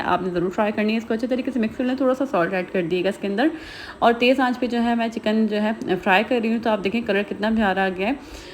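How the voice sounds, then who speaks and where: A woman talks viewers through a home recipe. She speaks quickly and casually, with plenty of filler phrases. Her voice sits at a middle pitch, and faint noise is heard behind her. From Pakistan. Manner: rapid, chatty, heavy use of filler phrases. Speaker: cooking vlogger. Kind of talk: recipe voice-over narration.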